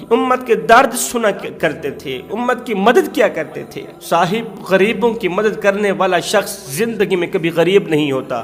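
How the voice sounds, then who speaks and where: A man preaching an emotional storytelling sermon, impassioned and repeating phrases for emphasis. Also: high-pitched. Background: faint music.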